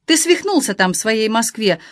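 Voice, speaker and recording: A woman's voice: on the high side, expressive, moderate pace, no room sound, studio quality, natural voice. A woman reading an audiobook, voicing an emotional lover on the phone who moves from hurt to cold fury. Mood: tearful anger. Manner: hurt, then furious and cutting.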